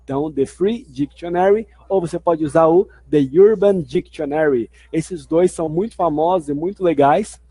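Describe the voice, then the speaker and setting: A man's voice: a little high, normal speed, hardly any pauses, warm tone, breathy edge, no echo. A man teaching a video lesson in an explanatory way, restating each point twice. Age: adult. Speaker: language teacher.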